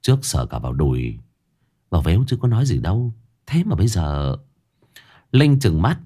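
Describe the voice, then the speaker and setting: Low-voiced man narrating a horror story. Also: big pitch swings, normal speed, warm tone, breathy edge. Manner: dramatic, wry first-person telling.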